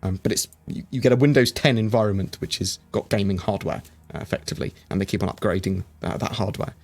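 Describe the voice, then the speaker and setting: This streamer has a fairly low, slightly mellow voice and talks fast. In a casual livestream Q&A, he chats away, reading viewer questions aloud and answering them with plenty of fillers.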